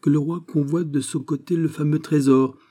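A man's voice: a little high, fairly even intonation, normal speed, dark tone, pitched above the performer's own voice, lightly acted. A man voicing a haughty, impatient princess. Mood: scornful. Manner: imperious, ironic, exasperated questioning. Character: haughty, impatient young princess, sharp-tongued. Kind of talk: audiobook reading.

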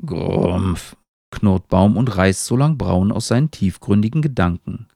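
Gravelly, expressive male story narrator. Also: fairly low pitch, moderate pace, dry recording, clean studio sound. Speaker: podcast host.

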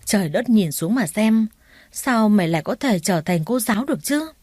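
A woman's voice: mid-range voice, animated, normal speed, no echo, natural voice. A woman voicing an angry woman teacher who harshly accuses a colleague. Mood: furious accusing. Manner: angry, scolding, loud.

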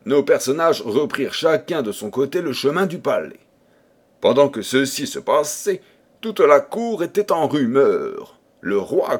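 A man reading a fairy-tale audiobook aloud in an expressive, theatrical manner. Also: medium pitch, slightly rough. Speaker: audiobook reader. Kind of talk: expressive storybook narration.

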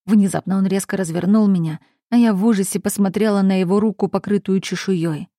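A woman narrating a romance novel in the first person with an intimate, expressive reading. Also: mid-range voice, a little fast, no echo, studio quality. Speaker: audiobook narrator.

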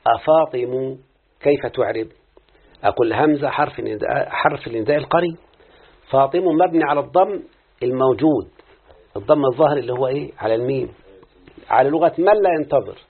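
Egyptian male teacher, quick-paced, husky voice with fry, tinny lo-fi recording. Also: mid-range voice. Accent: Egyptian Arabic. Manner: quizzes students with constant check-in questions. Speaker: grammar teacher. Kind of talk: classroom lesson in Arabic grammar. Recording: muffled phone-like lo-fi recording.

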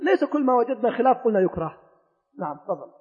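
A man's voice: extremely high pitch, sing-song, quick pace, breathy edge. An older man teaching a classical religious text, speaking emphatically and repeating key phrases, sometimes imitating what people say. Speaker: sheikh teaching a fiqh text. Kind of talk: classical Arabic lesson with colloquial asides. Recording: dull recording in a reverberant hall.

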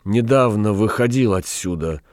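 A man reading a storybook voices a delirious prisoner condemned to die, speaking slowly and softly. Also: lowish voice, no echo, clean studio sound, lightly acted. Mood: weary. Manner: slow, dreamy and hushed. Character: condemned young man, feverish, delirious, tender.

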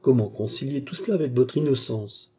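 A man's voice: mid-range voice, brisk, warm tone, husky, voice pushed up, close to an everyday voice. A man voicing a stern older examining magistrate who questions formally and severely, in an audiobook. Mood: probing.

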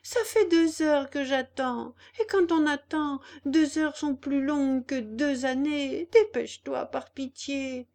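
Storybook puppet boy, shrill and pleading, read by a woman; slow delivery. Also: fairly even intonation, vocal fry, heavily acted. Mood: pleading impatient. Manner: high-pitched, loud, urgent.

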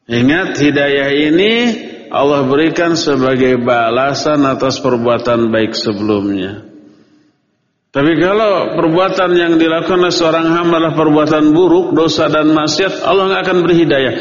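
Preacher in an echoey hall. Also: male voice, a little high. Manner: explains with questions he answers himself; casual everyday phrasing mixed with Arabic recitation. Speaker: Islamic preacher. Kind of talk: sermon-style religious lecture. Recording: echoey hall, dull lo-fi sound.

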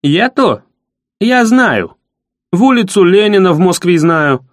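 A man voicing a hoarse, mocking young village bully with Ukrainian-mixed speech. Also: high-pitched, expressive, normal speed, no echo, clean studio sound, pitched above the performer's own voice. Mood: menacing. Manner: mocking, taunting village dialect.

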